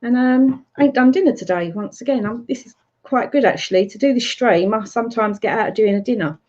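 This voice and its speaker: A woman's voice: fairly high pitch, brisk, a little mellow. Chatty Essex woman on a livestream. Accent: Essex English. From Essex, England. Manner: chatty, greets viewers by name, laughs often. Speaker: livestream host. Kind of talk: casual livestream chat. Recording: slightly muffled lo-fi stream audio.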